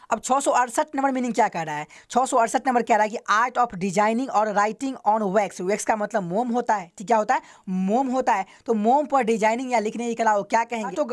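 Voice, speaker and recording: Woman teacher, kinda high voice, exam prep vocab lesson, spells words out, keeps asking then answering herself. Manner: rhetorical questions answered herself, frequent "okay" checks; spells words letter by letter, repeats key terms.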